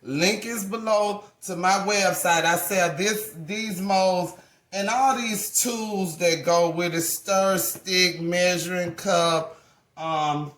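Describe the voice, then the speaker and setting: Slow-paced and on the low side, with a fairly bright tone, this woman in her forties runs a craft channel and gives a casual, folksy hands-on tutorial full of chatter and mid-sentence corrections. There's roomy echo plus slight background noise.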